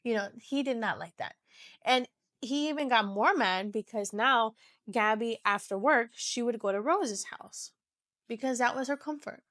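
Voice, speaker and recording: A woman's voice: fairly high pitch, normal speed, fairly bright tone, no room sound. Chatty woman podcast host, dry sound. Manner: chatty, loose retelling with many "so" and "you know". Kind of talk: casual true-crime storytelling.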